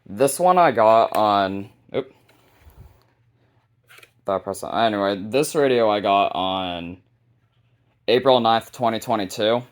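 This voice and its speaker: A man with a fairly low, animated voice hosts a hobbyist video showing off his radio collection. He presents the pieces casually and without a script, his informal delivery a bit halting as he talks his way along.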